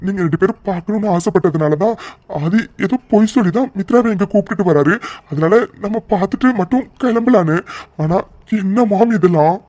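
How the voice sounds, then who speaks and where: A performer voicing a kind, apologetic young man in a cartoon, calmly reassuring his mother. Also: medium pitch, a little fast, dry recording, close to an everyday voice. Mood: apologetic, soothing. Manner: soothing, reassuring. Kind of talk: cartoon voice acting.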